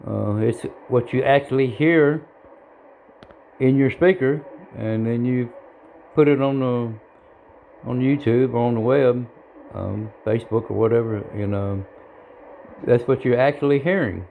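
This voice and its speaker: A hobbyist presenter gives an informal, hands-on video tutorial at a home radio bench, speaking in a halting, plain-spoken, self-deprecating way. His medium-pitched voice is recorded indoors on a handheld device, sounding narrow and tinny, with clear background noise and room ambience.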